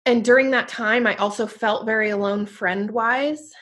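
A woman's voice: a little high, fairly even intonation, normal speed, fairly bright tone. A woman hosting a podcast who runs a fitness business, talking earnestly and effusively in a casual conversation, dropping plenty of "like"s and the odd swear word.

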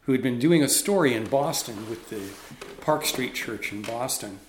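A middle-aged ministry leader with a mid-range voice tells a story in conversation at a normal pace, animatedly acting out the dialogue. The room is echoey, and there's a little hiss or hum in the recording.

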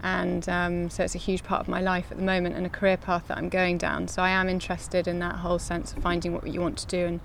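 A young woman hosting a podcast interview, asking gentle, curious questions outdoors. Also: lowish voice, completely flat delivery, fast, creaky, hardly any pauses, slight background noise. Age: young adult. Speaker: podcast host. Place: garden outdoors by a pond.

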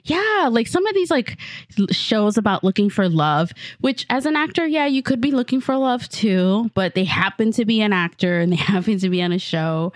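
A woman's voice: medium pitch, animated, normal speed, no echo. A woman from the Republic, co-hosting a casual chat in informal, slangy talk. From Santo Domingo, Dominican Republic. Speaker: podcast co-host, actor.

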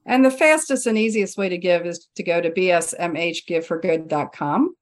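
A woman's voice: on the low side, moderate pace. A woman speaking as an interview guest in a conversational way, earnest and enthusiastic. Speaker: guest, charity foundation representative.

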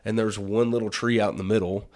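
A man's voice: fairly low pitch, steady tone, quick pace, darkish tone. A man hosting a casual chat, explaining things in a folksy, plain-spoken way. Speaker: host and turkey conservationist.

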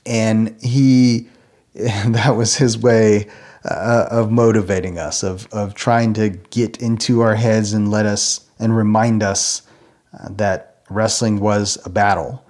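A man in his thirties speaks to fellow believers in a low, somewhat deep voice. He tells personal stories at an unhurried, earnest pace, with frequent small fillers and restarts. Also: fairly even intonation, a little mellow. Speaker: church ministry speaker. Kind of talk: reflective personal talk.

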